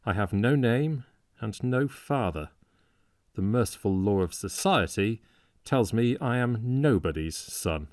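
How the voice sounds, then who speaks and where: An audiobook reader voicing a bitter young male medical student who talks with harsh, mocking sarcasm, in a low-pitched voice. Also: lively intonation, a little slow, darkish tone, no room sound, studio quality.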